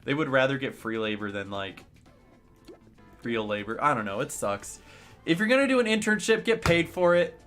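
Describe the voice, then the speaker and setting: A man's voice: medium pitch, very animated, normal speed, a bit bright, faint music behind. Ranting man in his late twenties. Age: late 20s. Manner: ranting, sarcastic, reads and answers chat. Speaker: streamer. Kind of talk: casual livestream chat while playing a game.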